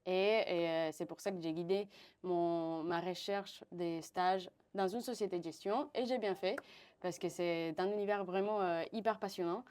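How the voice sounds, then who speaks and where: A woman's voice: lowish voice, steady tone, moderate pace, a little mellow. A woman in her twenties from Venezuela, answering interview questions with many fillers and restarts. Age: 20s. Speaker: partnership manager, guest.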